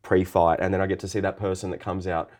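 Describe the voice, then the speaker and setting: A man's voice: low-pitched, little pitch movement, fast, darkish tone. A man hosting a podcast interview, upbeat and encouraging. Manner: upbeat, encouraging, frequent agreement. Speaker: podcast host. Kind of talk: interview chat.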